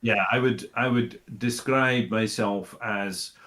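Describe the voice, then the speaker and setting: Low-voiced man telling rambling stories. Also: fairly even intonation, slow pace, fairly bright tone. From Scotland. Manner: rambling, many fillers and restarts. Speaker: voice actor guest. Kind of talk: casual interview chat.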